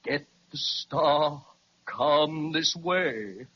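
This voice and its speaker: The Crazy Quilt Dragon, high and husky. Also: male voice, very slow, heavily acted. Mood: dramatic. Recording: dull lo-fi 1930s radio recording.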